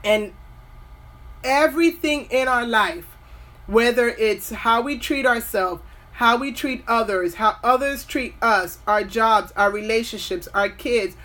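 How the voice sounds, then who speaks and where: A woman's voice: fairly high pitch, measured pace, pushed and bright. A woman in her forties hosting a skincare video, giving earnest, motivational advice and drifting off topic now and then. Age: 40s. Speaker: skincare host. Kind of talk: casual talking-to-camera advice.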